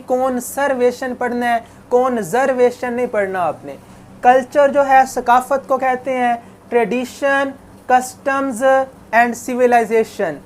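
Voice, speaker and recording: High-voiced woman teacher, slow and even. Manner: slow, careful reading of English phrases, then explains in Urdu; asks and answers her own questions. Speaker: English teacher. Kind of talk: classroom lecture, translating English to Urdu. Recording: faint background noise.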